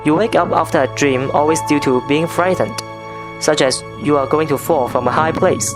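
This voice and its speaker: A narrator reading a scripted film review as a video essay, in measured, non-native English phrasing. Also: mid-range voice. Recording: narration over clear background music.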